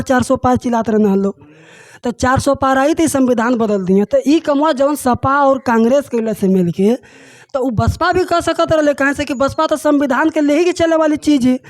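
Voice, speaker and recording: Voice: sits high, a little mellow, no room sound, clean studio sound. Bhojpuri-speaking interviewer, long winding questions. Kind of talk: casual political interview questions.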